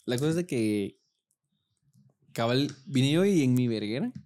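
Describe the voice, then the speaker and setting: A man's voice: mid-range voice, lively intonation, a little slow, darkish tone. Man telling crude party stories. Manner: storytelling, crude slang, laughing often. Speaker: podcast co-host. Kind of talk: casual chat.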